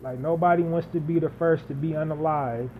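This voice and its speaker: On his own podcast, a man with a high-leaning voice talks off the cuff in a steady tone and at a slightly quick clip. He builds his arguments by repeating himself emphatically and running through lists. Faint hiss sits under the dull, lo-fi recording.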